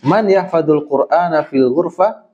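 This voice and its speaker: A man teaching Arabic to a class, drilling questions and explaining words patiently, often ending phrases with a soft "ya". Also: on the high side. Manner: slow, patient drilling with frequent "ya". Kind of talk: classroom Arabic lesson in Indonesian. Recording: roomy, slightly dull classroom sound.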